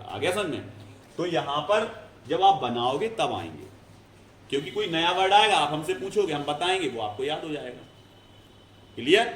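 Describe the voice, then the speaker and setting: Here a chemistry teacher, a man, walks his students through the material one step at a time, often pausing to see if they understand. He speaks a little high with a fairly bright tone, and the echoey recording carries faint ambience plus slight hiss or hum.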